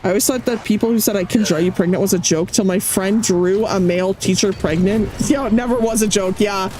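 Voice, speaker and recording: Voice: medium pitch, a little fast, a crowd in the background. A streamer chatting casually while gaming, talkative and incredulous, often laughing. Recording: steady background noise.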